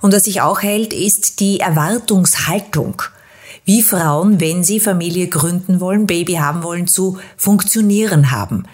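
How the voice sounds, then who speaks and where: A woman hosts an interview in a fairly low voice. She asks long, winding questions and often pauses to hesitate before going on. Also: darkish tone, breathy edge. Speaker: podcast host.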